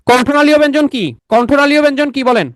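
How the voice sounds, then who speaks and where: A man's voice: very high voice, fairly even intonation, quick pace, no echo. A man teaching a grammar class in a casual, chatty tone, repeating key points and quizzing his students. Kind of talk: online exam-prep lecture.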